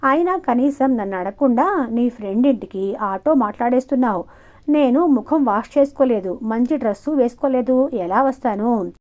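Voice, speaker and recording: A woman's voice: fairly high pitch, lively intonation, normal speed, lightly acted. A woman voicing a bossy, defiant young female student who talks sharply, in audiobook dialogue. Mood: demanding. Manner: sharp, demanding. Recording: muffled lo-fi recording.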